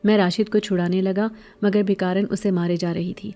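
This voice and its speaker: A woman telling a scripted horror story in steady, even narration. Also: mid-range voice, soft background music.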